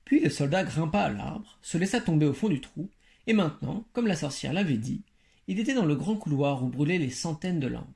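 A man reads a fairy tale aloud in a steady storytelling manner. His voice is somewhat high for a man, with a gravelly fry running through it. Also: fairly quick. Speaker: reader.

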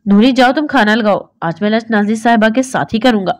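A woman voicing a confident young man who speaks calmly and teasingly in a storybook reading. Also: on the high side, fast, dry recording, clean studio sound, lightly acted. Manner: calm and teasing.

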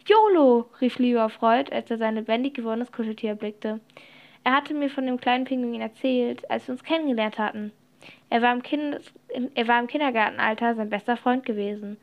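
Woman reading a story aloud, higher voice. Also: dull audio. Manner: lively reading with occasional slips and restarts. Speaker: narrator. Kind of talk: audiobook reading.

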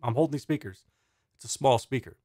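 A man's voice: medium pitch, fast talker, warm tone, no echo, studio quality. A man, father of a teenager, casually reviewing a speaker in a chatty, enthusiastic way and explaining technical terms. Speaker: audio reviewer.

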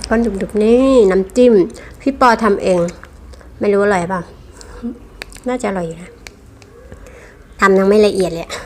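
A woman's voice: mid-range voice, normal speed, long pauses, mellow. A woman doing a casual mukbang eating show, chatting to viewers between bites with chewing and savouring hums.

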